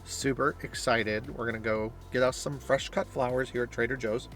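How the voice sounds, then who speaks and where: A man's voice: mid-range voice, steady tone, fairly quick, faint music behind. A man chatting casually to the camera as a vlogger, upbeat and explanatory, recorded in a car and in a store. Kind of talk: casual vlog chat.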